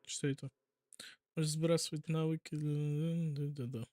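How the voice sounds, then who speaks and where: A man's voice: fairly high pitch, flat delivery, unhurried, no echo, studio quality. A man giving casual gameplay commentary, muttering to himself as he plays. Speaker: gameplay streamer. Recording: loud game music behind the voice.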